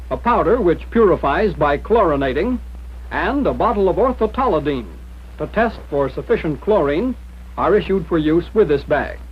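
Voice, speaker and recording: Slight background noise sits under a fairly high-pitched American male voice narrating a scripted 1940s military training film. He speaks plainly and directly, instructing the viewer, and the film audio is muffled and dull.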